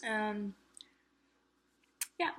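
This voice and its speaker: A woman's voice: mid-range voice, expressive, extremely slow, fairly bright tone. A young woman talking casually to camera while eating, chatty and self-encouraging, sometimes speaking with her mouth full. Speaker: mukbang vlogger. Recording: noticeable background noise.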